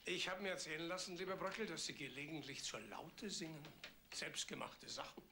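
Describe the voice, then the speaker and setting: An actor playing a polite, ingratiating rich baron in a 1980s TV drama. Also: male voice, fairly high pitch, brisk, noisy background, natural voice. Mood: smooth. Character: smooth, condescending rich baron.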